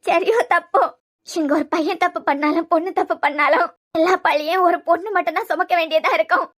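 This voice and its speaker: A woman's voice: very high voice, fairly even intonation, brisk, fairly bright tone. A woman with a Kanyakumari Tamil accent voicing a tearful, despairing young woman in a cartoon serial. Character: distraught young woman, newly engaged.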